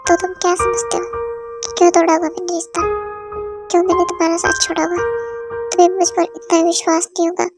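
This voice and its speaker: A woman voicing a hot-tempered young wife, very high and flat. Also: creaky, music in the background. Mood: hurt. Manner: rapid angry tirade, piling up insults. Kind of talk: amateur fan-dub drama reading.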